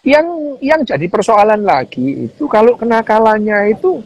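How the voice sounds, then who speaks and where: Animated man, lively pitch. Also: moderate pace, no echo, low-quality recording. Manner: animated, mixing Javanese phrases, repeats "gitu". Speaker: neuroscientist guest on a live chat. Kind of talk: casual livestream chat.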